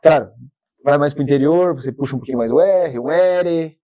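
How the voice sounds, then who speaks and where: Chatty southern Brazilian man, mellow voice. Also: fairly high pitch, a little fast, dry recording. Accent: southern Brazilian Portuguese. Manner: talkative, animated storytelling. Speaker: podcast guest. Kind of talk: casual interview chat.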